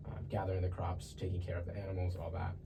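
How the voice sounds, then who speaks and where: A young man from Ethiopia talks through his life story as a podcast guest, relaxed and chatty and quick to laugh. His voice sits very low. He is a little far from the mic, with a faint hum of ambience behind him. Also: creaky. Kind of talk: casual testimony.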